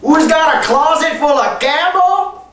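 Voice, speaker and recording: A young man with a high-pitched voice calls out jokes in a brash, exaggerated way, stretching his words slowly. The sound is roomy, picked up by a distant camera mic. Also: lively intonation, a bit bright, slight background noise. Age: young adult. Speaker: comedy sketch performer. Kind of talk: shouted call-and-response joke delivery. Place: bare indoor room, standing group. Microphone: camera mic a few metres away.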